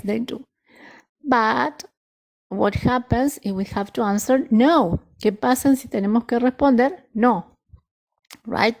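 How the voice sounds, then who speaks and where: A woman who speaks natively, teaching English grammar slowly and carefully as she models each English phrase clearly. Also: a little high, a little mellow. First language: Spanish. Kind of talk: explaining grammar to students.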